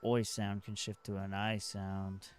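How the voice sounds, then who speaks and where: A game streamer, a man, reading notes aloud and thinking out loud in casual commentary. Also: on the low side, completely flat delivery, measured pace, soft background music.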